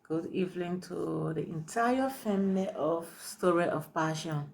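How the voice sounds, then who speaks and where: A woman's voice: lowish voice, unhurried, gravelly, darkish tone, a little hiss or hum. A woman in her forties from Liberia with a Liberian accent, earnestly telling her own story and often repeating herself with "you know" and "right". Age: 40s. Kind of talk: personal testimony to camera.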